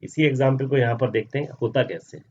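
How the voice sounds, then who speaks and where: A man's voice: medium pitch, quick pace, darkish tone, a little hiss or hum. A male science teacher explaining a lesson, often asking questions and answering them himself and calling students "beta". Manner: mixes Hindi with English terms. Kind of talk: classroom lesson explaining over slides. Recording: slightly dull audio.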